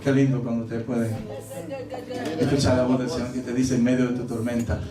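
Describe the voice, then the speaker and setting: A man pastor preaching a sermon in a church, animated and theatrical, acting out scenes with loud cries. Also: mid-range voice, fairly quick. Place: church service. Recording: echoey church from a distant mic, music behind.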